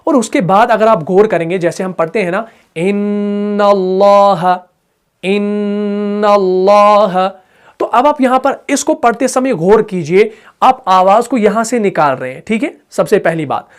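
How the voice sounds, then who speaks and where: A man's voice: high voice, expressive, normal speed. A man teaching Quran recitation, patiently repeating points, checking that students follow and demonstrating sounds aloud. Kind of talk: explanatory lesson.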